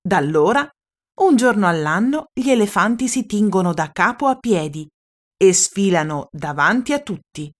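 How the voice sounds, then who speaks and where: Lively woman reading a children's story. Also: mid-range voice, normal speed. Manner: lively, expressive read-aloud with playful character voices.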